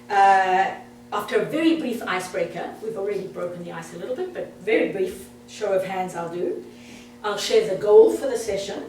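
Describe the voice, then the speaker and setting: A mid-range, darkish voice belongs to a South African woman in her sixties giving a chatty talk to an audience as a guest speaker. She's in a meeting hall, recorded by a distant mic in an echoey space with a little hiss or hum.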